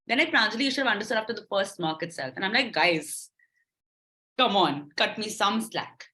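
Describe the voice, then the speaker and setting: A woman's voice: a little fast, rough recording. A young woman as a podcast guest, telling her story candidly and acting out the lines of the people in it. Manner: animated, acts out quoted dialogue with shifting pitch.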